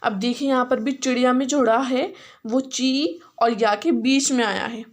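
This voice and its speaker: A woman teacher with an Indian accent, mixing English and Hindi, spelling words out slowly syllable by syllable in a phonics lesson. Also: a little high. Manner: slow, syllable-by-syllable spelling aloud.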